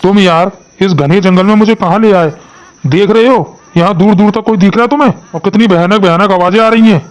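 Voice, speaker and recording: A timid young village man in a cartoon, voiced by a man. He sounds nervous and pleading, and his voice sits fairly high for a man. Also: fairly quick, lightly acted. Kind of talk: cartoon voice acting.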